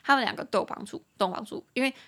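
A young woman hosting a casual language lesson podcast, chatting freely and slowing down to say example sentences carefully. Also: on the high side, fairly bright tone. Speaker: English teacher podcast host.

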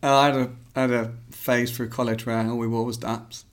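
A man's voice: medium pitch, level tone, brisk. A man co-hosting a casual football podcast, often stumbling and repeating words as he starts sentences. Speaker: podcast co-host.

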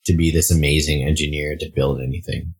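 A startup founder who grew up in Singapore talks casually and fast in an interview, his voice extremely low. He's relaxed, with frequent fillers and restarts.

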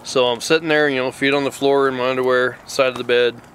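A middle-aged man, father of a Marine, telling an emotional story in a blunt, halting way and cursing freely. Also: medium pitch, level tone, fairly bright tone, a little hiss or hum.

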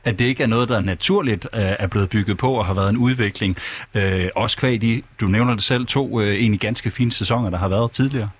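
En mand, der i en afslappet snak stiller uddybende, kritiske spørgsmål. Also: male voice, on the low side, breathy edge. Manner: probing questions. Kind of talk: casual chat.

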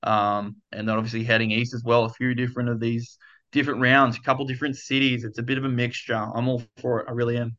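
A man's voice: mid-range voice, flat delivery, quick pace, pushed and bright, lo-fi sound. A man with an Australian accent, a podcast guest, talking in an enthusiastic, rambling way. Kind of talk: casual interview chat.

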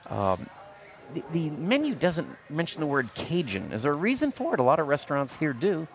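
Lively, higher-pitched radio host man. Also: fairly quick. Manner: friendly, lively questioning. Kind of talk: lunch-table radio interview.

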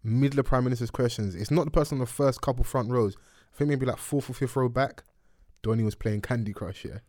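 Casting: man hosting podcast banter, London roadman accent and slang, medium pitch, dry sound. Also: fast, darkish tone, dry recording. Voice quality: roadman slang-heavy speech. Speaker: podcast host. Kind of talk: casual chat. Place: studio.

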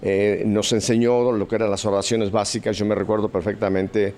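A man's voice: on the low side, little pitch movement, brisk, a little mellow. An older man from Mexico City, a guest telling stories about his childhood with a jovial, joking manner. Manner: jovial storyteller, laughs at own jokes. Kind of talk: conversational interview.

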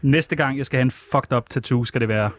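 A man hosting a casual podcast chat, teasing his guest with quick questions. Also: medium pitch, no room sound. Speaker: podcast host.

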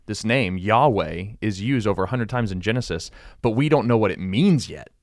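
A man with a low voice talks through a Bible passage in a relaxed podcast chat. He thinks aloud, restarts his sentences and reaches for everyday examples. The sound is dry and close, with no room echo. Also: moderate pace. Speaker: podcast co-host. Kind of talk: casual Bible study chat.

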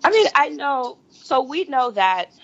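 A woman's voice: high-pitched, sing-song, a little slow. A woman from New Jersey talking as a podcast guest about political organizing, explaining her points and often checking in with "right?". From United States (New Jersey). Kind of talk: casual conversation. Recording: dull, muffled audio.

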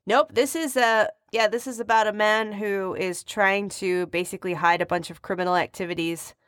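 A woman's voice: mid-range voice, fairly even intonation, moderate pace, a bit bright, no echo, studio quality. Playful woman podcast co-host. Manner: playful, teasing. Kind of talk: casual chat.

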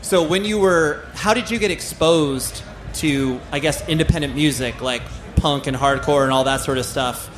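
Higher-pitched chatty American man, noisy live recording. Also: moderate pace, few pauses, fairly bright tone. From California, United States. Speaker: podcast host, interviewer. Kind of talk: casual live interview. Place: live stage at a music festival. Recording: background noise, live festival stage.

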